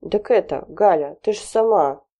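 A woman reading an audiobook voices a naive, blustering middle-aged father with a gruff, indignant manner. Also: on the low side, lively intonation, moderate pace, warm tone.

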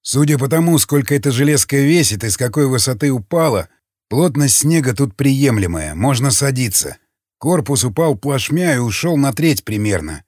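A man's voice: medium pitch, expressive, moderate pace, a little mellow, dry recording, studio quality, lightly acted. A man voicing a stern, blunt man who speaks firmly and matter-of-factly, read in an audiobook. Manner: firm, matter-of-fact. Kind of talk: audiobook character voice.

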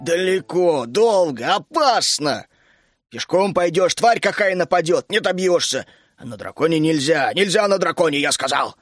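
A gruff, grumpy middle-aged dragon keeper, put on by a male audiobook narrator, grumbling and scolding with sudden hot outbursts. The voice sits lower than his narration and is recorded close and dry. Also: lively intonation, normal speed, dry recording, faint music behind. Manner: grumbling, scolding, bursts out hotly. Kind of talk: audiobook character voice.

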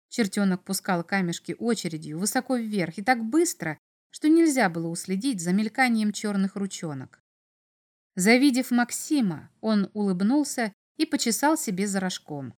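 A woman reading a children's science fiction story aloud as narrator, with even, expressive storytelling. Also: mid-range voice. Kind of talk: audiobook narration.

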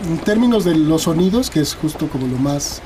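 A man's voice: fairly high pitch, animated, brisk, noisy background. A man with a Mexican accent, a guest linguist explaining things in an interview, hesitant and full of fillers and tag questions.

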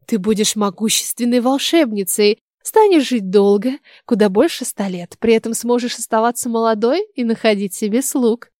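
A woman's voice: fairly high pitch, moderate pace, few pauses, a little mellow, dry recording, clean studio sound, close to an everyday voice. A woman reading the lines of a cruel, cunning old witch in an audiobook, speaking in a coaxing, menacing way.

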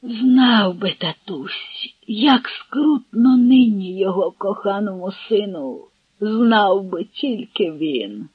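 A panicky young noble commander, whining and quick to shriek, as a man reads him aloud. His voice sounds breathy and dull, close and dry, as in a plain home-made audiobook recording. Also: lively intonation, no room sound, full character voice. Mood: self-pitying. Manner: shrill, hysterical, whining.

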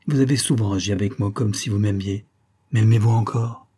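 A man's voice: lowish voice, brisk, warm tone, breathy edge. A man voicing a proud, wounded young woman who speaks in tense, clipped demands while reading a novel aloud. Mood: pressing.

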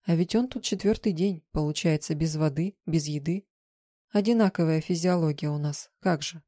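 A woman's voice: low-pitched, moderate pace, dark tone, no room sound, clean studio sound. A woman narrating a first-person fiction audiobook with tense, vivid storytelling.

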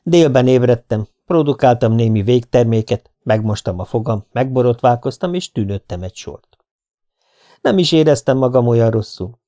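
A man narrates a gritty audiobook in a dry, laconic, hard-boiled way. His voice is mellow and warm, pitched at an ordinary male level, and he reads without hurry. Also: expressive. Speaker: audiobook reader. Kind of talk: first-person audiobook narration.

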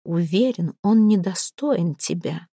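A woman reading the lines of a pushy, lecherous male business tycoon in an audiobook, in a slow, soft, insinuating way. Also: on the low side, lively intonation, breathy edge, dry recording, clean studio sound, full character voice. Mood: suggestive, insinuating.

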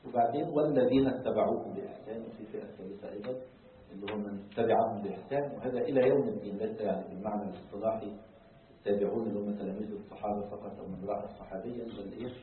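A man giving a lecture on Quran commentary, explaining at length, filling pauses with a drawn-out "ah" and checking in with the class through rhetorical questions. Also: fairly low pitch, a little hiss or hum. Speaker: religious teacher. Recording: distant, echoey, tinny phone-like lecture recording.

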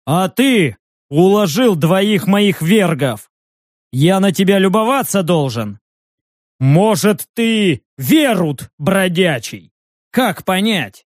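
A man's voice: high voice, lively intonation, slow, no room sound, studio quality. A man voicing a proud, blustering male patrol leader who argues indignantly in an audiobook.

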